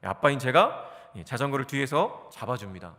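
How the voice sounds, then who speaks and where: A man's voice: medium pitch, a little fast, big-room sound. A male pastor in his forties giving a sermon in a church, asking his listeners questions and answering them himself. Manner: animated, asks the congregation questions and answers them. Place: church sanctuary.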